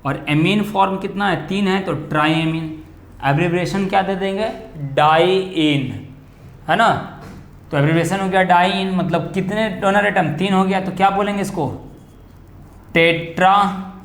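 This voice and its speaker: High-voiced man teaching chemistry. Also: steady tone, fairly bright tone, roomy sound. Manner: questions and answers himself, drawn-out key terms. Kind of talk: classroom lecture on coordination compounds.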